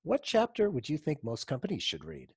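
Lively-voiced man hosting a podcast. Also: a little high, a little fast, husky, no echo, clean studio sound. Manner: upbeat, encouraging host. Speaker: podcast host. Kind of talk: scripted podcast intro and interview questions.

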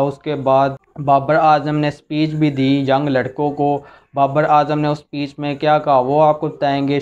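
A young man in his twenties recaps a cricket match in a steady, level voice with little rise and fall. His tone is smooth and clear. He sits on a sofa in a small room, and the recording sounds a little dull and lo-fi. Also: mid-range voice. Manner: steady, repetitive recap talk. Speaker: cricket channel host. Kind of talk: solo cricket commentary vlog.

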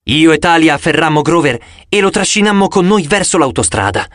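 Reading scripted audiobook material fairly quickly, a male narrator uses a fairly high-pitched voice captured dry and close. The performance is dramatic and expressive, with abrupt loud cries.

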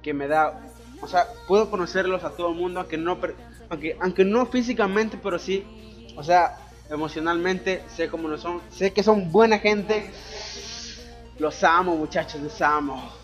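A high-pitched young man from Ecuador doing a casual question-and-answer voice-over. He jokes loudly and crudely and swears a lot. Faint music plays behind him. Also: normal speed. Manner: boisterous, crude joking with lots of swearing. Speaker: YouTuber answering viewer questions.

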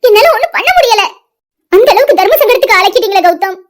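A woman's voice: very high-pitched, lively intonation, quick pace. A woman voicing a heartbroken young woman in a cartoon story, pleading and questioning through tears. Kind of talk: cartoon voice acting.

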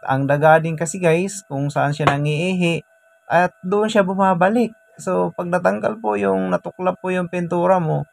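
A DIY welding vlogger chats casually while working on a welding job outdoors, repeating "guys" and filling his talk with fillers. His voice is medium-pitched with vocal fry.

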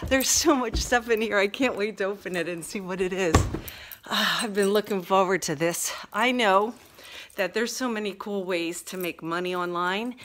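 An older woman chatting excitedly and a bit out of breath while unboxing a package at home, getting sidetracked as she talks. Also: mid-range voice. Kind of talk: casual unboxing vlog. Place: at home, indoors.

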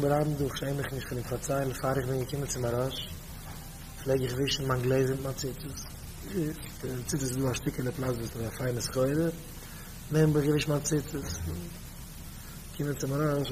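Emphatic Yiddish-accented rabbi preaching. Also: male voice, mid-range voice, noisy background. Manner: storytelling, repeats phrases, rises to emphatic bursts. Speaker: rabbi giving a talk.

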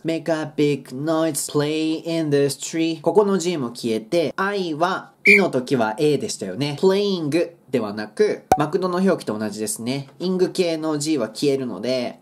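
Brisk Kansai man teaching pronunciation. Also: medium pitch. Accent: Kansai Japanese. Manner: chatty and brisk, reading English lyric lines slowly and clearly. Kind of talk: casual pronunciation lesson. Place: at home.

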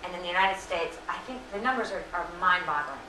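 A middle-aged woman answering audience questions at a lecture, earnest and full of fillers and self-corrections, her voice slightly hoarse. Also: lowish voice, expressive, quick pace, noisy background. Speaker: invited lecture speaker. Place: lecture hall. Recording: echoey room, distant mic.

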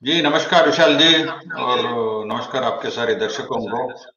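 A man's voice: medium pitch, normal speed, bright, forceful tone. A man speaking as a guest in an online debate, his voice carrying a heavy echo as he argues through rhetorical questions. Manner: argumentative, full of rhetorical questions. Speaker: guest commentator. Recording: echoey, dull lo-fi call audio.

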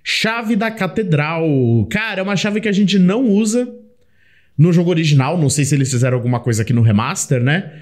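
A young man with a Brazilian Portuguese accent giving casual, chatty, excitable commentary while playing a video game, often talking to the character on screen. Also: sits high, brisk. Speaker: gameplay commentator. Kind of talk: casual let's play commentary.

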